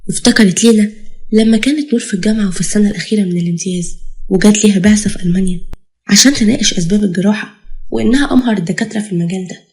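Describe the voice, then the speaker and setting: A woman storyteller with an Egyptian accent, narrating a drama in a brisk, dramatic way. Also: mid-range voice, darkish tone.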